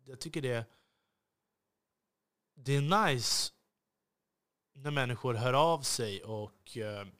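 A man's voice: mid-range voice, pauses often, pushed and bright. Male podcast host, solo monologue, intense and earnest, slightly biting edge, lots of hesitations. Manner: intense, earnest delivery that can sound biting; frequent hesitations and restarts.

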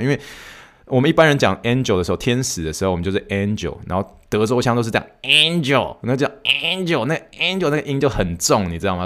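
Taiwanese man, middle-aged podcast host, low voice, rapid rambling delivery, casual solo chat. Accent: Taiwanese Mandarin. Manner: chatty, rambling storytelling with many restarts.

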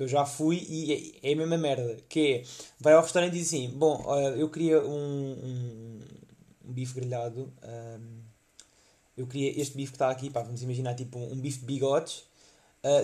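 A young man from Portugal hosts a podcast with a European Portuguese accent, his voice sitting a little higher than most men's. He rambles through comic stories, full of slang and fillers, and acts out the people in them. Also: a little mellow. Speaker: podcast host. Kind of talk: casual comedic storytelling monologue.

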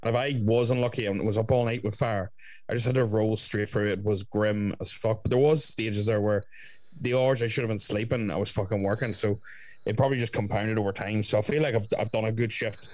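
A man's voice: fairly low pitch, steady tone, a little fast, darkish tone, no room sound. Young Northern Irish man, dry close sound. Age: 20s. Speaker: podcast co-host. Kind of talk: casual podcast chat.

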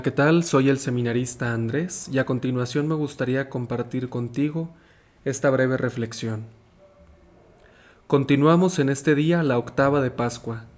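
Young guy, a seminarian, reads the gospel then shares a short reflection, calm and steady, mid-pitched voice.

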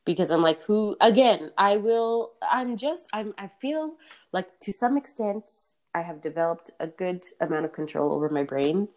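A woman's voice: mid-range voice, lively intonation, moderate pace, a little mellow. A young woman co-hosting a podcast, talking candidly in casual chat, swearing freely and laughing often. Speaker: podcast co-host.

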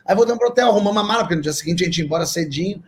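Animated man telling a funny story. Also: sits high, very fast. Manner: animated, repeats words, stammers restarts. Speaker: guest telling an anecdote. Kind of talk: comic storytelling.

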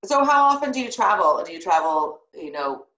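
A woman's voice: fairly low pitch, sing-song, fairly quick, a crowd in the background. A woman hosting a casual interview, talking with enthusiasm. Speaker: interview host. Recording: roomy, distant and muffled.

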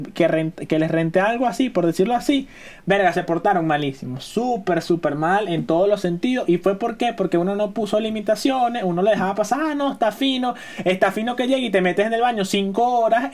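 A man's voice: high voice, darkish tone. A man with a Venezuelan accent co-hosting a casual podcast, swearing freely and ranting in heated bursts. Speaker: podcast co-host.

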